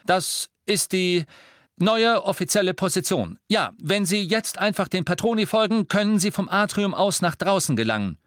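Guy reading as a young wizard lad, raised and loud, urgent orders, dry sound. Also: a little high, animated, moderate pace, hardly any pauses, dry recording, voice pushed up, close to an everyday voice. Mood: commanding. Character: teenage boy wizard, commanding and urgent.

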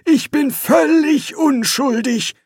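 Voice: high-pitched, takes it slowly, vocal fry, a little mellow, no room sound, clean studio sound, voice pushed up, exaggerated voice. A reader voicing a mild-mannered older male prisoner in an audiobook, polite and pleading. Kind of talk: audiobook character voice.

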